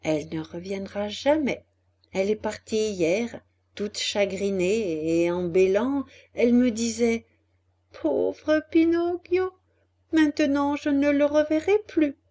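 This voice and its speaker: A woman voicing a small, wise male cricket who speaks in a calm, measured, lecturing way in a storybook reading. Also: on the high side. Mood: stern.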